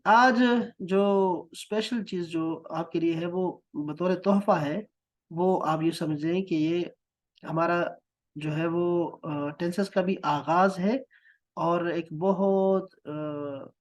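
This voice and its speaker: A man's voice: fairly high pitch, slow. A man teaching Quranic Arabic words in a recorded lesson, patiently drilling and repeating them. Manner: patient, repetitive drilling with gestures.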